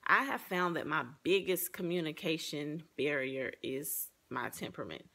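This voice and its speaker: Her deep voice, gravelly and marked by fry, sounds bright and forceful as she earnestly explains herself. She gives the personal, reflective presentation at a moderate pace, reading partly from notes.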